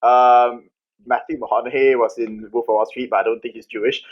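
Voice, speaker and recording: A man hosting a casual interview over a video call, asking questions with quick stumbling restarts. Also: mid-range voice, level tone, highs cut off. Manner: fast, stumbling restarts, laughs easily. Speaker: interviewer host.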